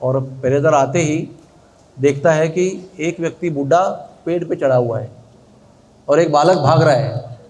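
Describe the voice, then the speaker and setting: A man telling a devotional story as a sermon, animated and chatty, with asides to his listeners. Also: fairly high pitch, measured pace. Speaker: religious storyteller.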